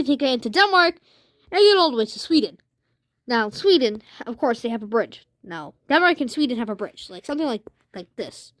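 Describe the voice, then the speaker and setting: A woman's voice: high voice, dry recording, studio quality. A woman hosting a casual alternate-history map commentary, rambling with lots of fillers and unsure asides. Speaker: channel host.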